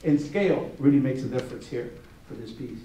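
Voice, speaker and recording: A man of medium pitch, talking fairly quickly in a mellow voice, acts as juror for an art competition. He gives a loose gallery talk marked by many restarts and anecdotes, recorded from a distance with roomy echo and faint noise.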